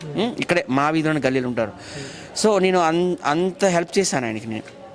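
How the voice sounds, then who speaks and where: A man, talking quickly and insistently about a grievance in an interview. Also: a little high, expressive, faint music behind. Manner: aggrieved, rapid and insistent. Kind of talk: casual interview talk.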